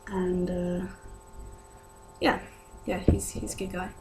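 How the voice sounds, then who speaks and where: Slow, flat and a little mellow, the voice of this young British woman sits on the low side, lower than usual because of a sore throat. As a vlogger she answers viewer questions to camera in a casual, hesitant, rambling way. Her home recording has noise and hum.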